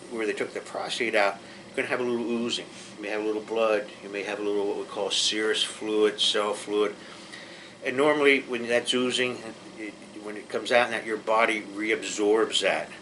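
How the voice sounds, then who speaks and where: A man's voice: on the low side, bright, forceful tone, a little hiss or hum, rough recording. A man teaching a pre-surgery class, explaining things in a plainspoken, reassuring way with frequent restarts. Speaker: patient educator.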